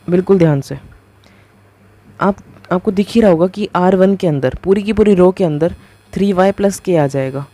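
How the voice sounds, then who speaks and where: A man giving a casual math lecture, talking through each step as he writes and keeps asking the viewer quick rhetorical questions. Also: fairly high pitch, warm tone. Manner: talks through each step while writing. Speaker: math teacher.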